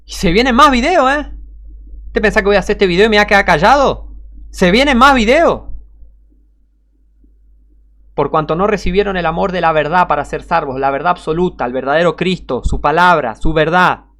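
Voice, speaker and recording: A man preaches a combative sermon, reading Bible verses between scornful jabs. His voice sits a little high for a man. He drops into low, biting mutters and climbs back up into loud warnings. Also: lively intonation, fairly quick, pauses often.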